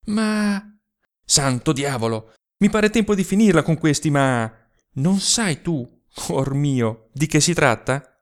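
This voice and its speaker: A man's voice: on the high side, animated, slow pace. A man reading the lines of a resolute young lover in a story, speaking urgently and insistently with a raised voice.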